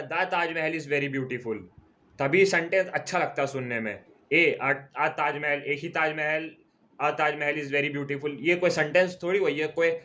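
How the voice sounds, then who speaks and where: A man teaching a commerce lecture at a board, explaining terms step by step and stretching key words out slowly. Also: fairly high pitch, bright, forceful tone. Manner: repeats key terms slowly, checks in with "ठीक है". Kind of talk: classroom lecture.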